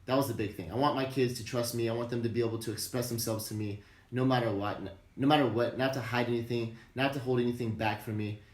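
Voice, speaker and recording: Male podcast guest, earnest and emphatic, blunt swearing, mid-pitched, roomy echo on the recording. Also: fairly even intonation, fast talker, a little mellow. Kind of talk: candid interview talk.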